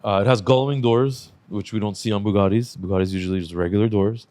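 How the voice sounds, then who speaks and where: Relaxed, low-voiced male podcast host. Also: fast talker, no room sound. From Lebanese Armenian family. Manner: relaxed, swears freely, laughs often. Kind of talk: casual chat.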